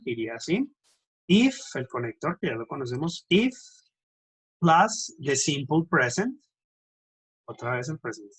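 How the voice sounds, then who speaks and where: Husky bilingual teacher, man. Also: a little high, fairly bright tone, poor audio. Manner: switches between English and Spanish, corrects himself often; checks in with students constantly. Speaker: English teacher. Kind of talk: online grammar lesson.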